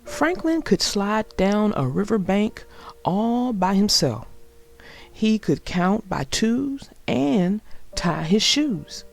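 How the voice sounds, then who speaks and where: A woman reads a children's storybook aloud, phrasing it deliberately and expressively for young listeners. Her voice is mid-range with vocal fry.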